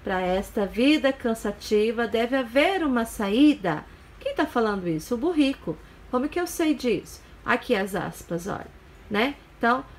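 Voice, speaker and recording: A woman's voice: on the high side, a bit bright, slight background noise. A woman teaching young children in a recorded review lesson, explaining patiently step by step and checking in often with short questions. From Brazil. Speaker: primary school teacher.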